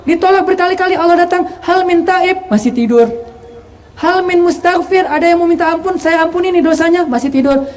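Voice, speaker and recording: A male preacher giving a casual sermon, telling stories, acting out dialogue and chanting Arabic quotes slowly. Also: very high-pitched, a little mellow, poor audio.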